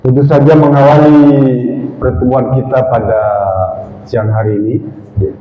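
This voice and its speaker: A man giving a wedding sermon, preaching in a slow, measured way and chanting Arabic verses between lively jokes. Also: mid-range voice, slight background noise. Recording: echoey hall, dull sound, faint ambience.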